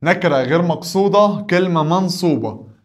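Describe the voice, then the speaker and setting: A man with an Egyptian accent, an Arabic teacher who runs a grammar lesson by firing questions and answering them himself, his voice rising on the questions and dropping low on the answers. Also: expressive, moderate pace.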